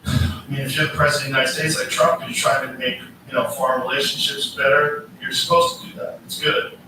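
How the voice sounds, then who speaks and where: A man's voice: mid-range voice, very animated, quick pace, heavy reverb, distant mic, noisy background. A man hosting a casual podcast chat, ranting emphatically and swearing often. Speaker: podcast host.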